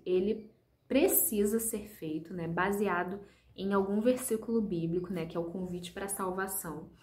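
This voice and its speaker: A woman teaching viewers how to run a children's ministry lesson, in a patient, explanatory way. She talks straight to her audience, encouraging them, with plenty of fillers and restarts. Her voice sits at an everyday middle pitch. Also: dark tone. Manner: addresses viewers directly, encouraging. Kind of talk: instructional video talk.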